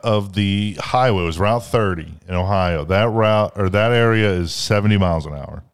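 A man in his mid-twenties with a slightly low voice, talking casually on a podcast. He tells the story in a loose, rambling way and swears freely, and the story comes across as lively. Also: normal speed, clean tone. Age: 20s. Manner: profane, rambling, animated retelling. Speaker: podcast co-host.

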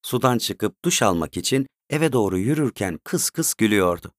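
A man narrating a story in a steady, measured way. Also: fairly low pitch, no echo, clean studio sound.

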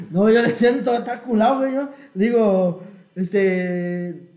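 A man's voice: high voice, slow, darkish tone, echoey room. A young man with a Mexican Spanish accent telling crude, slang-heavy stories in casual chat, laughing often.

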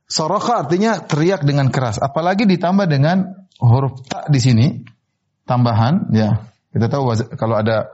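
A man's voice: normal speed, darkish tone. Man preaching, explaining Arabic word forms. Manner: rises sharply in pitch when stressing a point. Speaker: Islamic preacher. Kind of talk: sermon explaining Quran verses. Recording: slightly dull, muffled recording.

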